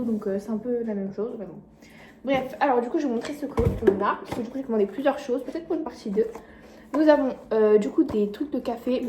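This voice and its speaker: Young woman vlogger, slightly high, mellow voice, rambling and self-mocking, phone mic in a roomy kitchen. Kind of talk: casual vlog chat. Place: home kitchen. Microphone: phone camera mic. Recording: echoey room, faint noise.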